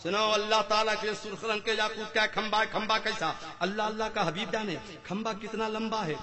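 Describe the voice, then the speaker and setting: A man's voice: high-pitched, little pitch movement, noisy background. A man preaching to a gathering, telling stories with a chuckle and calling on listeners to chant along. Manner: call-and-response, urging the crowd to chant along; playful storytelling with chuckles. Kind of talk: Islamic sermon to a gathering. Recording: live sermon with audible crowd.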